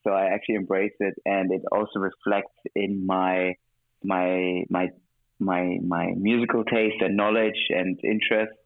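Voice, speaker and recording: A man with a German-tinged, well-travelled accent speaks in a lowish voice, easy and open, breaking into laughter now and then. The sound is dry and narrow, like a phone line. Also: measured pace, no echo. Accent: German-tinged mixed international English. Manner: laughs often, relaxed and open. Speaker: guest, music director. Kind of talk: interview conversation.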